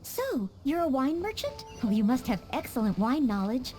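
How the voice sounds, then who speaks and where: A woman with a high, very animated voice speaks at a normal speed as a video game character, a sincere young maid in knight training. She sounds courteous, formal and keen to be of service, with gentle game music playing behind her.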